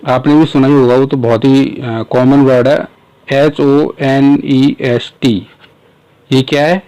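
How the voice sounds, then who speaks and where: A man explaining a grammar point in a casual lesson, asking rhetorical questions and sounding out words slowly. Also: mid-range voice, darkish tone, clean tone, poor audio. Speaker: English teacher.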